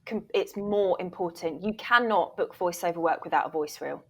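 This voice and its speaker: She's a voice reel producer and former voiceover agent appearing as an interview guest. Her fairly low voice has a fairly bright tone and runs at normal speed, and she explains things emphatically and conversationally, regularly voicing questions she pictures actors asking.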